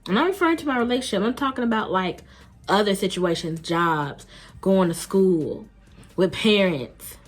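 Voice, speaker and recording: A woman's voice: mid-range voice, moderate pace, soft background music. A woman vlogger telling a dating story in a blunt, emphatic, slangy way, casually talking to her viewers.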